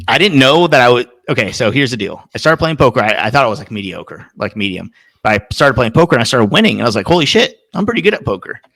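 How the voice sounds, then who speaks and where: A man with a lowish, gravelly voice rambles through casual podcast talk, swearing freely as he goes. The sound is dry and close. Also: a bit bright, no room sound. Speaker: podcast co-host. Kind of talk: casual chat.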